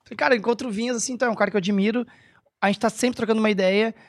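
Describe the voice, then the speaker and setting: A man speaks as a podcast guest. His talk is casual and meandering, often pausing to search for a word and correct himself. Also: high-pitched, steady tone. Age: 30s. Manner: rambling, hesitant, self-correcting. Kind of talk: casual chat.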